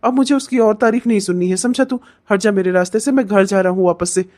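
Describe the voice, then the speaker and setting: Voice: medium pitch, fast talker, a little mellow, lightly acted. A performer voicing a jealous young husband in a cartoon, sulky and complaining that no one praises him. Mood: irritated. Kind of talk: cartoon voice acting.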